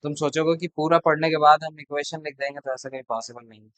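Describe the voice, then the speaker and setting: A man's voice: a little high, steady tone, fast talker, a bit bright, no echo, rough recording. Blunt chatty male tutor, dry sound. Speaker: math tutor. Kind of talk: casual classroom talk to students.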